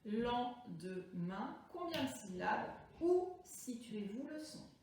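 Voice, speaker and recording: Slow, high-voiced woman teaching young children. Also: lively intonation, a little hiss or hum. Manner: slow, deliberate, stretching out words for children. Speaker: primary school teacher. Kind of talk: remote class lesson for young children. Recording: echoey room, voice from a distance.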